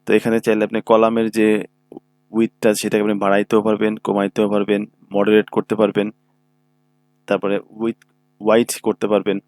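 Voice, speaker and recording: A man's voice: on the low side, monotone, brisk, pauses often, darkish tone, no room sound. A man giving a screen-recorded computer tutorial, explaining each step patiently and often checking that listeners follow. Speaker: computer instructor. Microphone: own microphone.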